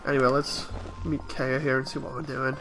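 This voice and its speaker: A man's voice: mid-range voice, level tone, a little fast, over music, low-quality recording. A man streaming a game, chatting casually in a rambling, conversational way. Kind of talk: casual livestream chat over a game.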